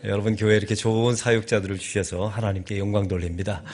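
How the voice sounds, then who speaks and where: This middle-aged man with a lowish voice talks fast, preaching as a guest pastor in a church sanctuary. He is from Chungcheong and has its Korean accent, and his sermon is lively and joking.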